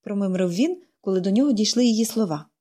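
A woman narrating a children's novel in an expressive, measured reading voice. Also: mid-range voice. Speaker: audiobook narrator. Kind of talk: storybook narration.

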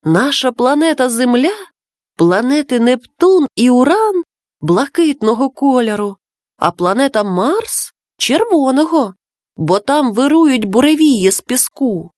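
Storybook: woman doing a wise male dove friend, slow, patient explaining, lilting. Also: high-pitched, very animated, a little mellow, no echo, clean studio sound.

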